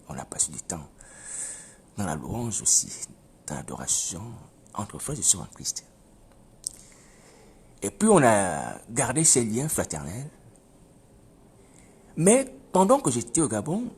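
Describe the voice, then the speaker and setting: A man preaching, telling his own testimony in a halting way, repeating phrases and often turning to his listeners with a question. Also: low voice, slight background noise. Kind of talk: spoken personal testimony. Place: living in Europe.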